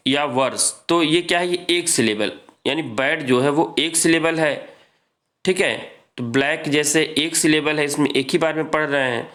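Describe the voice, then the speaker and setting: A man teaching an exam-prep grammar lesson, explaining slowly and repeating points while addressing students as friends. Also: fairly high pitch, fairly bright tone.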